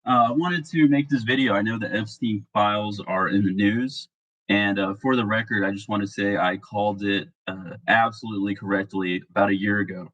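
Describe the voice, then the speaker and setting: A man who is sick, talking a bit monotone in a rambling, casual monologue full of fillers and restarts. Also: fairly low pitch, a little fast, dull audio. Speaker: political commentary vlogger.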